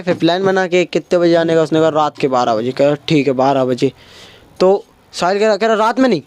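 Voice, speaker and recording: Young man, high voice, stand-up storyteller, acts out every friend. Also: noisy background. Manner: animated storytelling, acting out friends' lines. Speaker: stand-up comedian.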